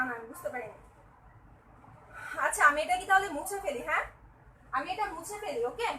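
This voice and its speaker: A woman's voice: very high-pitched, bright, forceful tone, reverberant, distant mic, slight background noise, low-quality recording. A young woman teaching a chemistry class live online, repeating each step and often asking whether the students follow.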